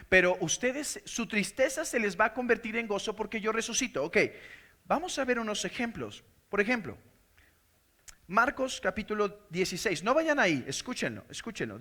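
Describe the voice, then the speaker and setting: Male pastor, sharp-toned sermon delivery that is emphatic, rises to loud declarations and drops to hushed asides. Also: sits high, animated, normal speed. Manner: reads scripture aloud and explains it.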